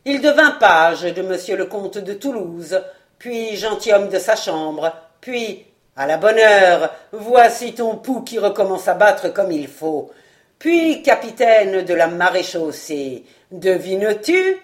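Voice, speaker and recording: A woman's voice: mid-range voice, expressive, slow pace. A woman doing a sneering male villain. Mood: mocking. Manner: ironic, sneering. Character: cruel mocking male ex-acrobat thug.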